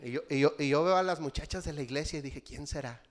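A middle-aged man with a Mexican accent preaching a sermon, animated and constantly addressing the congregation as brothers. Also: on the high side, quick pace. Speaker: pastor.

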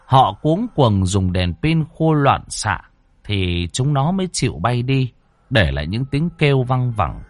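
Guy telling a spooky ghost story, low voice that swings up and down a lot, dry sound, faint music under it. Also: very animated, no echo. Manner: dramatic, slowing down for suspense.

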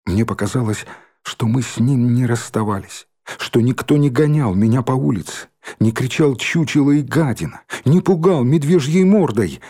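A man narrating an audiobook in steady first-person storytelling. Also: mid-range voice, moderate pace. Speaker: audiobook reader.

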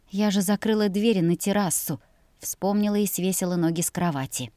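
A woman narrates a first-person fantasy story with dramatic, emotive delivery. Her voice sits at a moderate pitch. The recording is dry and close. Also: mellow, dry recording. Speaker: audiobook narrator.

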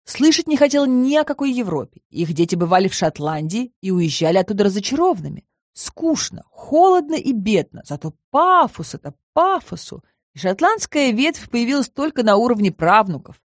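A woman reading the part of a calm, erudite young man, explaining family history in a measured, lightly ironic way in an audiobook. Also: mid-range voice, dry recording, clean studio sound.

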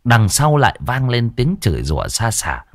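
A man, narrating a ghost story in a lively, colorful way. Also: medium pitch, normal speed, no echo, studio quality.

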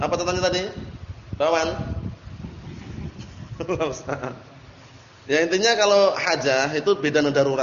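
A man's voice: on the high side, a bit bright. A man teaching a religious study class, explaining a text line by line and asking his listeners questions. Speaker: Islamic teacher. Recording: echoey hall, dull lo-fi audio, faint hiss.

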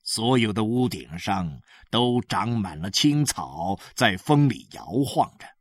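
Slow, expressive woman narrator. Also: extremely low pitch, no echo, studio quality. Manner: measured, expressive storytelling. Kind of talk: literary audiobook narration.

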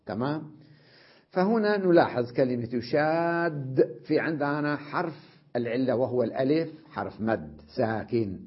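A man teaching Arabic grammar in a recorded lesson, explaining step by step, repeating example words slowly and often asking if his students follow. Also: medium pitch, expressive, breathy edge. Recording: dull lo-fi lecture recording.

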